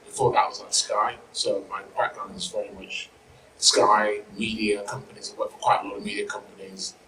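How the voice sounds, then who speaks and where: A middle-aged man with a very deep, firm voice, speaking informally and jokingly on a panel. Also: flat delivery, a little fast, pushed and bright. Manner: informal, joking, mild swearing. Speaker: panel speaker, insight director. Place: live panel event room, microphone. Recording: echoey room, far mic, faint noise.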